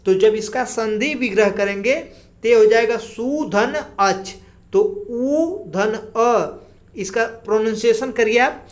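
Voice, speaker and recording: A woman teacher explaining grammar slowly for exam preparation, drawing out single sounds as she goes. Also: a little high. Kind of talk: exam-prep grammar lesson.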